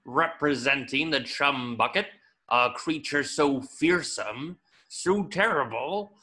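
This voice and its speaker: A man's voice: mid-range voice, slow pace, bright, forceful tone. A man voicing a tiny, scheming, grandiose plankton villain in a cartoon table reading, pompous and theatrical.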